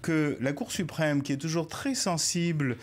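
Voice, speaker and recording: A man's voice: a little high, moderate pace. A man speaking as a guest in a TV news debate, formal and assertive with an indignant edge. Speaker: panel guest.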